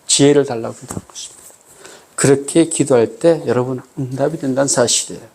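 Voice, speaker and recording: A man's voice: medium pitch, fast talker, a little mellow, slight background noise. A male pastor giving a sermon in a conversational way, often asking the congregation questions and varying his pace for emphasis. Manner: conversational preaching with frequent call-and-response questions.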